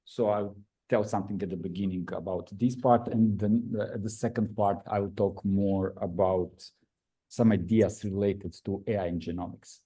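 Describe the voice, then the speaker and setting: A middle-aged Croatian researcher gives an invited academic seminar talk in a lecture room, using non-native phrasing and frequent "uh" fillers. His voice is low, mellow and slightly rough, with fairly even intonation at a moderate pace.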